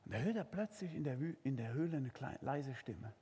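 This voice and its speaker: A man's voice: medium pitch, expressive, fairly quick, warm tone, slightly rough, long reverb tail. A male preacher giving a dramatic sermon, talking straight to his listeners with rhetorical questions.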